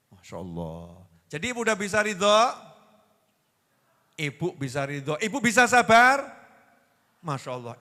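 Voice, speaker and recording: A man with a Javanese accent preaching a lively sermon to a gathering, joking and putting questions to the audience. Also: high voice. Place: large religious gathering hall. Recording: long reverb of a large hall.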